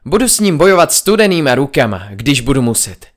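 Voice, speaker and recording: A man voicing an exhausted young woman with fire powers, speaking wearily in a husky voice as he reads the story aloud. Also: medium pitch, very animated, lightly acted. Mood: weary. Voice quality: weary, husky.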